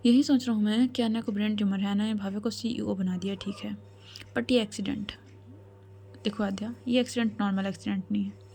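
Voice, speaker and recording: A woman voicing a worried, protective older brother in a spoken love story, giving earnest instructions in her own mellow voice. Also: mid-range voice, fairly even intonation, quick pace, close to an everyday voice. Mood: concerned.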